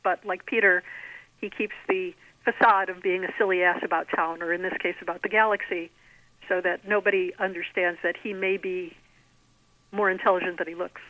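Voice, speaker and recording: Over a thin, tinny phone connection to a podcast, a middle-aged writer gives well-spoken, literary answers that tend to wander. She talks fairly fast in a fairly low voice with rather even intonation, and no room sound comes through.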